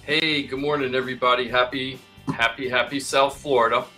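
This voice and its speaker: A man's voice: medium pitch, steady tone, pushed and bright, faint music behind. A man who is a regular co-host and real estate agent, chatting upbeat on a live radio show through a remote mic with strong reverb, like a big hall. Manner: upbeat and chatty, talks in quick asides. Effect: reverb, his mic sounds like a big echoey hall. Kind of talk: casual radio talk-show chat. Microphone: remote mic with audible reverb on a live radio broadcast. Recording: echoey remote feed on radio.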